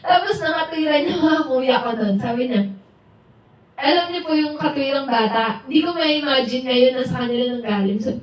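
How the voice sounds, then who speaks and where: A woman's voice: high-pitched, normal speed. A woman giving an informal, conversational sermon at a house church, mixing in English words and acting out what friends say. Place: house church gathering room. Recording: very echoey room, distant mic, faint hiss.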